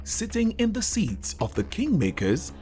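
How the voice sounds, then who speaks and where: A man delivers scripted narration with lots of pitch movement and a measured, dramatic rise and fall. Music plays clearly beneath his voice. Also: wildly swooping pitch, a little mellow. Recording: voice-over with music bed.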